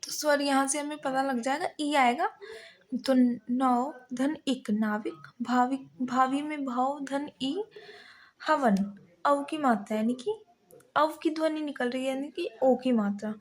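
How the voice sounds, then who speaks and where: A woman teaching a Hindi grammar lesson, patiently breaking words into their parts one piece at a time. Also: high voice. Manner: slow, patient, spelling out word parts one by one.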